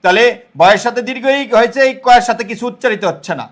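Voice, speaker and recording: A man with a notably high voice teaches an online exam-prep lesson. He sounds out each word syllable by syllable, asks the same question more than once and keeps checking whether his students have understood. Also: very fast. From Bangladesh. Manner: explains step by step, repeats questions and checks understanding.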